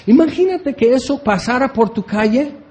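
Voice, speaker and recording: Man, preacher, conversational Bible teaching, high voice, warm mellow tone. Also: moderate pace. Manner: conversational, animated, mock voices for hecklers.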